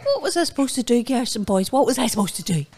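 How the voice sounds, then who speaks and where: A woman co-hosts a casual podcast and tells stories in an animated, laughing way. Her voice sits fairly high. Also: fast, slightly rough. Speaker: podcast co-host. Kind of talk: casual storytelling chat.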